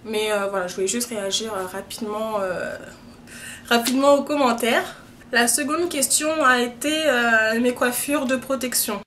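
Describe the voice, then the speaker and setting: Chatty young woman vlogging, slightly high. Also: normal speed, fairly bright tone, a little hiss or hum. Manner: chatty, many hesitations and filler sounds. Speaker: beauty vlogger. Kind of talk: casual hair-care vlog.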